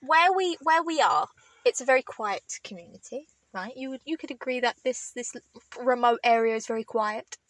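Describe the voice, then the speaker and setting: A woman's voice: a little high, normal speed, dry recording, poor audio. A woman co-hosting a podcast, telling stories with teasing, crude jokes in casual chat. She is from Canada. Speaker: podcast co-host.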